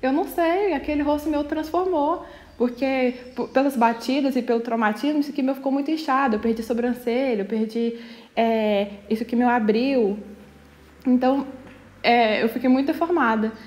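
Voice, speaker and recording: A young adult woman from Brazil telling her personal testimony in an earnest storytelling manner, often slowing down, with frequent fillers. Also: fairly high pitch, fairly even intonation, a little mellow. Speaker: church member sharing testimony.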